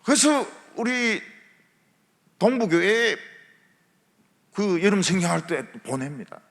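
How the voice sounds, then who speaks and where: A man's voice: sits high, big pitch swings, slow, gravelly, a bit bright. A male pastor preaching a revival sermon, asking rhetorical questions and mixing in humor. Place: large church sanctuary. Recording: long church hall reverb.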